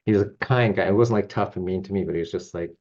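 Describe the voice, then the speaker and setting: A man's voice: deep voice, fast, a little mellow. A middle-aged man from Canada, a judo coach telling stories in a casual interview, chuckling often and rambling with plenty of fillers. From Toronto, Canada. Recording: slightly dull lo-fi recording.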